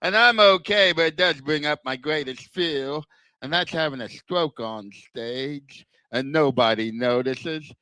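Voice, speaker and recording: A man's voice: fairly high pitch, sharp tone, smooth, no room sound. Older man with a wet, slurred, whistling lisp. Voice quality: slurred, whistling lisp with wet sibilants, as if missing front teeth. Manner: self-deprecating, deliberate punchline delivery. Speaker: stand-up comedian. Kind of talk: stand-up comedy routine.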